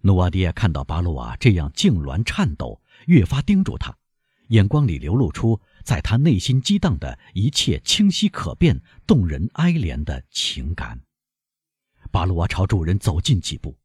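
Husky-voiced male audiobook narrator. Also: sits low, moderate pace, no room sound, clean studio sound. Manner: expressive, dramatic.

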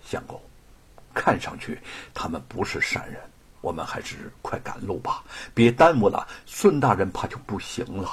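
A man voicing a hushed, cautious young heroine. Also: big pitch swings, normal speed, slightly rough, heavily acted. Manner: hushed, low.

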